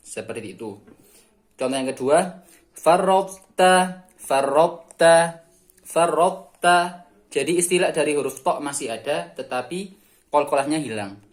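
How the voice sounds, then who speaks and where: A fairly high-voiced man teaching recitation rules. He explains each rule in an even, patient way, then chants the example verses slowly and drawn-out. His voice drops soft and quiet at the close of a phrase.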